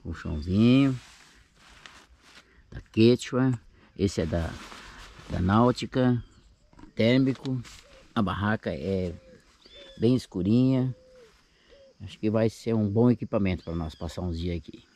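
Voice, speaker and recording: This sixty-something camping vlogger, who has a Brazilian accent, narrates casually outdoors beside a lake on a grassy campsite. He speaks unhurriedly in a lowish, dark-toned voice, leaving long pauses.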